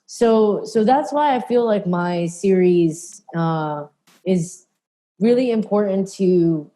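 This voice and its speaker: A woman's voice: mid-range voice, expressive, slow, warm tone. A woman from California speaking earnestly in a panel talk, with many fillers and restarts. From California, USA. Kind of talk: conversational panel discussion.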